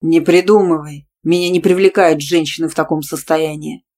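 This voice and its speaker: A woman's voice: deep voice, fairly even intonation, normal speed, darkish tone, close to an everyday voice. A woman voicing a brash, muscular young dragon-shifter man who talks bluntly and teases. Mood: calm. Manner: blunt, teasing.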